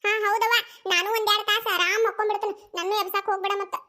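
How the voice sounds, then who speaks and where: A woman's voice: extremely high pitch, fairly even intonation, sharp tone. A woman voicing a tired young village daughter-in-law in a cartoon, complaining in a North Karnataka accent. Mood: weary. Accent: North Karnataka Kannada. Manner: complaining, quick retorts.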